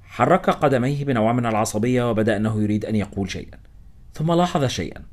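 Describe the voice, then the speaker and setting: A man reads a scripted first-person story for an audiobook, keeping a steady storytelling manner. His voice is medium in pitch and rapid-fire.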